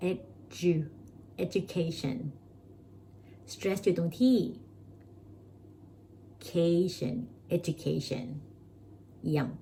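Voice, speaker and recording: A woman English teacher with a Thai accent, chatting casually about her practice and slowly drilling English words over and over. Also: deep voice, gravelly, dark tone, a little hiss or hum. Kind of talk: casual vlog-style pronunciation lesson.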